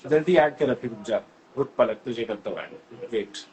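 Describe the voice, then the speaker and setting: A man's voice: medium pitch, moderate pace, darkish tone, low-quality recording. A young man from North India hosting a casual phone live stream, reading fan comments aloud and answering them in a chatty way. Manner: chatty, mixes Hindi and English, reads comments aloud then answers them. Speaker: host of a social media live stream.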